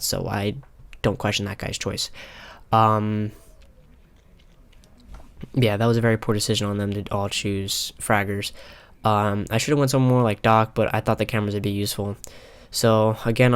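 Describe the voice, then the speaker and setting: A young man calmly talking over a replay of his own ranked match, pausing often with filler ums. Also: lowish voice, clean tone. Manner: halting, many filler ums, calm and analytical. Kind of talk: casual gameplay commentary. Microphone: console headset mic.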